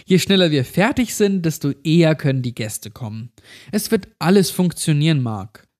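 A man voicing a cheerful young wife in a spoken horror story, brisk and reassuring in a raised voice. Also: fairly high pitch, lively intonation, a little mellow, pitched above the performer's own voice, close to an everyday voice. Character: cheerful young wife renovating a cabin, upbeat.

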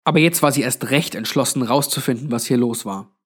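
A man reading a suspense story aloud in a measured storytelling manner. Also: medium pitch, fairly bright tone, slightly rough. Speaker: audiobook narrator. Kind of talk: scripted narration.

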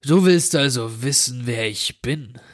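A sinister intruder with a slow, drawn-out way of speaking, as a man voices him. He sounds cold and mocking in a storybook horror tale, and his voice sits in a middle register. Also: mid-range voice, close to an everyday voice. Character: menacing drawling male intruder who grants wishes.

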